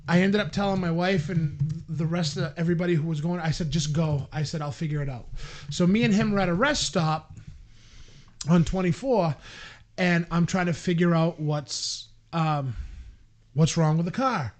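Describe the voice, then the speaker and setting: A man telling a story on a podcast, acting out quotes and shouting at the big moments. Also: fairly high pitch, moderate pace. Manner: animated storyteller, acts out quotes, shouts at peaks. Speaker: podcast co-host. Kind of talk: casual storytelling chat.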